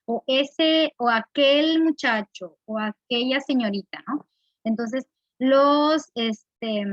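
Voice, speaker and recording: A woman's voice: a little high, no echo. A woman teaching a literature class, explaining patiently and checking in with her students as she goes. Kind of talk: recorded lecture. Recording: dull, dry lo-fi recording.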